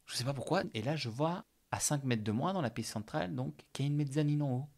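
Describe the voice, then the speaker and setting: A man's voice: medium pitch, quick pace, creaky, a little mellow. A man casually telling a personal story as a podcast guest, chatty with many fillers.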